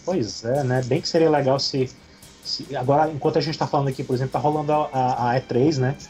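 A male podcast host with a Brazilian accent leads a casual discussion. His mid-pitched voice moves quickly and ramblingly, checking for agreement, with clear background music. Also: fairly even intonation, a little mellow. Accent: Brazilian Portuguese. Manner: rambling, often seeking agreement.

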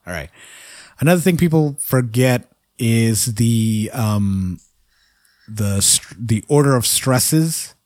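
A man co-hosts a casual podcast in a plain, mid-pitched voice. He chuckles at his own jokes and stumbles through foreign words. The recording is close and dry, with no room sound. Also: lively intonation, slow, darkish tone, no echo. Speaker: podcast co-host.

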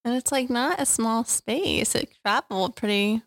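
A woman in her thirties co-hosting a podcast, chatting warmly and affectionately with lots of giggles. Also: fairly high pitch, normal speed, no echo, studio quality. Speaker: podcast co-host. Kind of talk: casual family chat.

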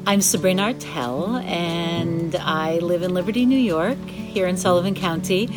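A woman who runs a community conversation project, speaking reflectively with pauses. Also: on the low side, over music. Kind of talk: interview statement.

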